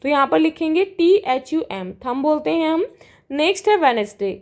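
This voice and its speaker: Woman teacher, high pitch, patient worksheet walk-through. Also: sing-song, a little mellow. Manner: reads English lines slowly, then explains in Hindi. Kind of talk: worksheet lesson explanation.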